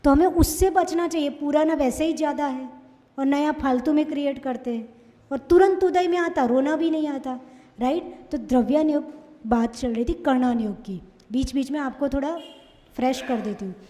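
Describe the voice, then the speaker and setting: Woman preacher with an Indore accent; high, mellow voice, scolding rhetorical questions, sermon in a reverberant hall. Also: normal speed. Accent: Indian Hindi, Indore. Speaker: Jain nun preacher.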